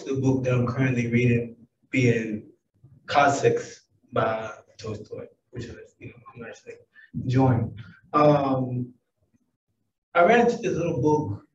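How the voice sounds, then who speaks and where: A man from Alabama with a hoarse, raspy voice after losing it, giving a casual conference book talk. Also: medium pitch, a little mellow, slight background noise. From Alabama, USA. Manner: casual, conversational retelling. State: hoarse, lost voice. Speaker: book review presenter. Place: conference hall. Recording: echoey hall, distant mic, dull sound.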